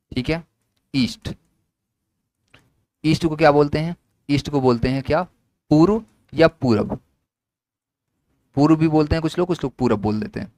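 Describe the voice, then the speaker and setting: Young male teacher, lightly raised pitch, asks then answers the same question, drilling the class. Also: darkish tone, no room sound. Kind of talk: classroom lesson explaining at a whiteboard.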